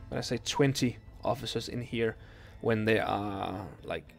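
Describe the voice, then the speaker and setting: A man's voice: lowish voice, gravelly. A young Danish man, not a native speaker, streaming a video game and chatting casually with viewers, with many ums and restarts. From Denmark. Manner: relaxed, halting, lots of ums and restarts. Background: faint game music.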